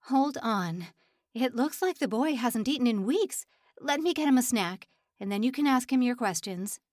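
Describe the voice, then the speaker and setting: A woman's voice: a little high, expressive, moderate pace, a little mellow, no echo, voice pushed up. A woman voicing a fussy, doting middle-aged mother figure in a storybook reading. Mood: fussing. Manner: doting and insistent.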